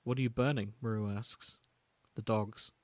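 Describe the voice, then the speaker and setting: Recorded dry and close with no room sound, this podcast host has a fairly low, steady voice and speaks at normal speed. While reading through and summarizing a fan fiction story, he breaks up the prose with offhand comments.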